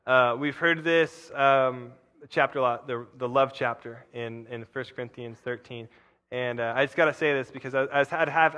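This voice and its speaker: A man preaching a casual sermon in a church, rambling with fillers and restarts, then bursting into loud emphatic paraphrase. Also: medium pitch, in a large hall. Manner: rambling, self-interrupting, with frequent fillers and restarts.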